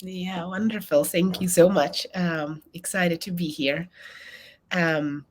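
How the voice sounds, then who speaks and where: A woman from the Czech Republic with a Czech accent, a therapist speaking calmly on a webinar panel while unwell. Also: on the low side, slow. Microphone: video call.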